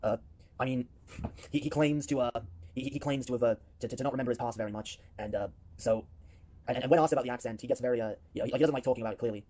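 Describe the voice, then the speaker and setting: Speaking rapid-fire in a mellow, mid-range voice, a man puts on a British accent to stay in character on a casual stream. He answers viewer questions in a rambling way, full of fillers and restarts.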